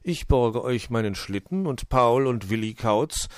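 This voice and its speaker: A man's voice: medium pitch, lively intonation, unhurried, smooth, no echo, clean studio sound, natural voice. A man voicing a kindly old male owl who examines and explains with care. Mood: caring. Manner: caring, explaining.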